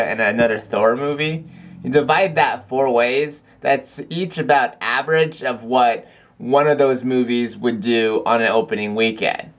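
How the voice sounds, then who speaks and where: A young man chatting casually to camera in a video blog at home, rambling with lots of fillers and restarts. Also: medium pitch. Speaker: vlogger. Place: cold house.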